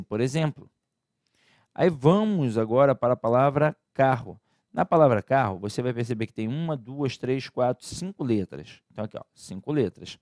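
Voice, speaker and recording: A man's voice: mid-range voice, a little mellow, no room sound. Male teacher, casual exam-prep lecture, chatty and informal, dry close sound. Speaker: Portuguese grammar teacher.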